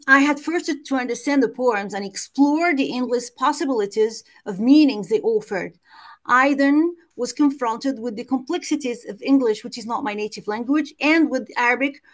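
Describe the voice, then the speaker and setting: Over a video call from a home or office, a woman presents a prepared academic paper at a conference. Her voice sits a little high, and she reads carefully and measuredly, occasionally pausing to restart a word.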